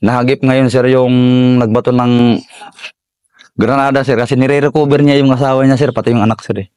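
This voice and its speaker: A middle-aged Filipino soldier from the Philippines, telling a war story in an interview, deferential and halting with many fillers. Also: male voice, medium pitch, fairly even intonation, a little mellow, clear, resonant tone, no room sound. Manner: deferential, says "sir" constantly, halting with fillers. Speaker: soldier recounting combat.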